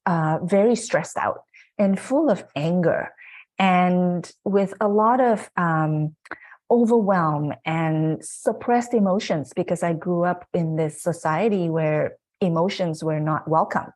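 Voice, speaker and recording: Slow-speaking woman from Malaysia. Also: on the low side. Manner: earnest, reflective, with frequent fillers. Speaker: guest speaker. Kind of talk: presentation talk.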